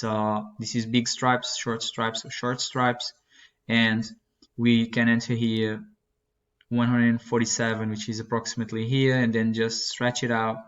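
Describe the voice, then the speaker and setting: Young man, flight instructor, flat delivery, many fillers and restarts, dull lo-fi desk-mic recording. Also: lowish voice. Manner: halting, many fillers and self-corrections. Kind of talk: screen-recorded lesson walkthrough. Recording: dull lo-fi sound.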